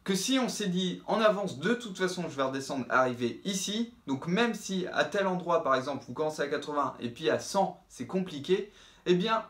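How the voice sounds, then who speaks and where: A man's voice: fairly high pitch, lively intonation, normal speed, fairly bright tone, reverberant. A man teaching trombone in an instructional video, explaining patiently and speaking the tonguing syllables aloud as he demonstrates.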